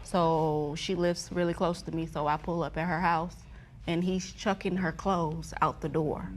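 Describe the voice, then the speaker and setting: Lower-voiced woman testifying in TV court. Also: little pitch movement, unhurried, slight background noise. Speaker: witness, litigant's best friend. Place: TV courtroom studio.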